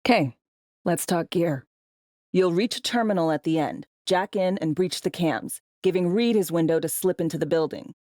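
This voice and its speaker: As an undercover field agent in a sci-fi game, a woman plays a world-weary, brash, foul-mouthed spy, speaking video game dialogue in clipped, sardonic, slangy lines that feel brisk and businesslike. Her voice is on the low side and warm, at normal speed and close to everyday speech, with clean studio sound and no echo.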